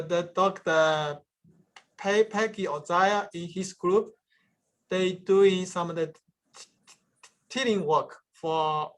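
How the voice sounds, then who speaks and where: A man with a high voice answers audience questions after his seminar. He speaks slowly and haltingly, often restarting words. His tone stays plain and explanatory. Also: a bit bright. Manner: halting, many restarts and fillers. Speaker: guest speaker, peanut breeding researcher.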